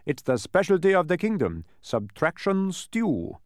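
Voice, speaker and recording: A man's voice: fairly high pitch, huge pitch swings, unhurried, dry recording, clean studio sound, voice pushed up. A man voicing a cheerful, smug geometric creature that explains things eagerly in a storybook. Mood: pleased. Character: cheerful, smug, many-faced dodecahedron creature.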